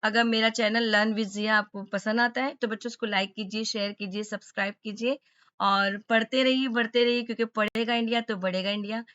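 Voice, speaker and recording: A woman teaching a school lesson to children, explaining slowly and checking often that they understand. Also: fairly high pitch, steady tone, a bit bright, dry recording, lo-fi sound. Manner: patient, repeatedly checking understanding.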